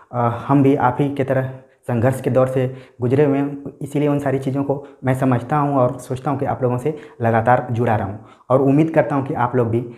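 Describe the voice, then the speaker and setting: A man's voice: medium pitch, dark tone. A man teaching an exam-prep lecture, explaining step by step and often checking in with his students. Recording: echoey room.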